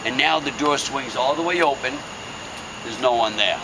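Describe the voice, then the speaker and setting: A man's voice: medium pitch, moderate pace, noisy background. A man working as a ghost tour guide, telling a story casually and dramatically with wry, folksy humour and suspenseful phrasing. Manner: folksy, wry, joking delivery.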